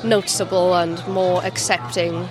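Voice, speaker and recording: A woman's voice: on the low side, level tone, unhurried, a crowd in the background, rough recording. A woman in her twenties with a South Wales Valleys accent, chatting casually in an interview. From Merthyr Tydfil, south Wales. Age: 20s. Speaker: Pride attendee being interviewed. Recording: outdoor event with music behind. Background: music at an outdoor event.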